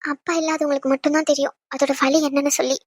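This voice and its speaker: A woman plays a young expectant wife in a cartoon, jealous of her unborn daughter and teasing her husband. The voice is very high and rapid, with a dry, close sound. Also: little pitch movement, no echo, close to an everyday voice. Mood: tender, wistful. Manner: playful, scolding, then tender.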